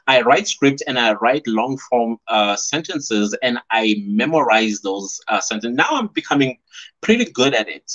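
Unhurried and medium in pitch, this South African man chats away on a live stream he hosts as a YouTuber, sitting in a small indoor room at home. He's animated, laughs often and reads viewer comments aloud, while the lo-fi stream audio sounds a bit dull.

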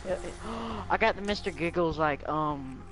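A young man chatting casually while gaming, animated and slangy, complaining heatedly into a headset. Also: on the high side, normal speed, rough recording. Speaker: gamer. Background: game music and sounds.

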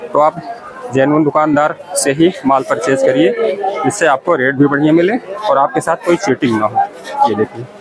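A man leads viewers along a packed market road and keeps stopping to point at shops. His voice sits a little high. Heavy outdoor street noise fills the recording around him. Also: animated, normal speed. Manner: points things out to viewers, repeats "look here". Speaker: vlogger giving a market tour. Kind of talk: walking tour narration. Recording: loud street noise behind the voice.

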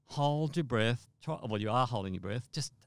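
A man from Australia, a mountaineer guest in an interview, telling a vivid story in a halting way with repeated words. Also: mid-range voice, lively intonation, clean tone, no room sound, studio quality.

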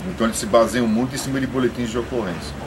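In this noisy outdoor field recording, a reporter interviews a restaurant owner in his fifties on the spot. He speaks Portuguese with a São Paulo accent at a medium pitch, racing through an earnest, rambling explanation full of restarts.

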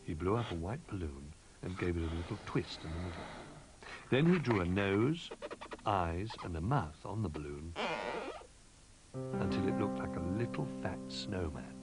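A man narrating a children's storybook in an animated, sing-song manner. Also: low-pitched, normal speed. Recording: music under narration.

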